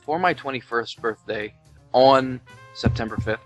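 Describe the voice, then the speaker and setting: A man's voice: medium pitch, a little slow. Tipsy young male podcast host, rambles and swears, faint music bed. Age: 20s. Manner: loose, rambling, swearing, reading aloud with mock quoting. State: drunk. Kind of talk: tipsy casual podcast chat. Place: indoors at home, Tennessee.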